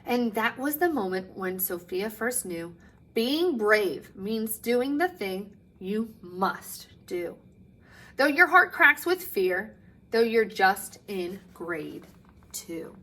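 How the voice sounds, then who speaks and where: In a mid-range voice, a woman teacher reads a picture book to children with lively expression, dramatic pauses and elongated phrase endings. The audio quality is poor.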